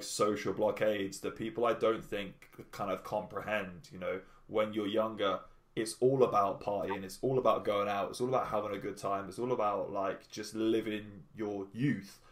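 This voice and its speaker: A man with a slightly low voice hosts a casual podcast. He rambles in a blunt, sweary way and slips into quoting imagined conversations. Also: roomy sound. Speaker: podcast host.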